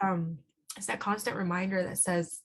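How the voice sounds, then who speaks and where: A woman speaking as a podcast guest, telling a personal story in an earnest, halting way, often repeating words and restarting. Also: lowish voice, fairly even intonation. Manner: earnest and heartfelt. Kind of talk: emotional personal testimony.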